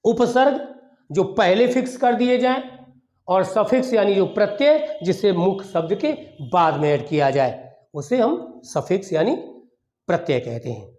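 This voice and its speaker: Teaching grammar, a man repeats the main points and answers the questions he asks himself. His high voice is animated, a little slow and darkish in tone, recorded in an echoey room.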